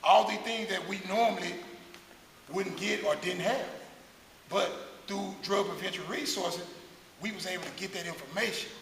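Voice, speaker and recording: A man from West Dallas, giving an earnest, halting talk to an audience. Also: high-pitched, gravelly, a bit bright. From West Dallas, Texas. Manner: earnest, halting with many uh's and repeats. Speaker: guest speaker. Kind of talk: speaking to an audience. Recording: echoey hall, faint hiss.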